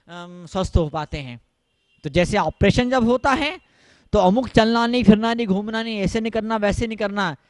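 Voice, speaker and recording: A man's high voice delivering a sermon as a monk, repeating his points for emphasis. The sound is dry and close. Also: dry recording. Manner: repetitive, emphatic, mixing English phrases. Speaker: Jain monk.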